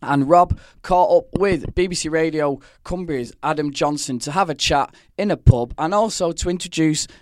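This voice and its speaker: Croaky hoarse bloke presenting a footy podcast, chatty and jokey, slightly high voice, dry recording. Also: male voice, normal speed, hardly any pauses, no echo. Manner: jokey, informal. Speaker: podcast host.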